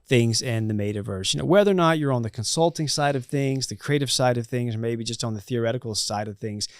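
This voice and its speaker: An upbeat man hosts a casual talk show from a company studio, chatty and easygoing. His voice is smooth and resonant at a middle pitch. The sound is dry and close, with little room around it. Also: fast, no room sound. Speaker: host, chief marketing officer.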